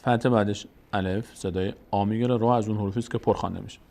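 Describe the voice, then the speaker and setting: A man teaching Quran recitation rules step by step, explaining each rule and then slowly chanting the verses to show it. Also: fairly low pitch, steady tone, creaky, darkish tone. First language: Tajik.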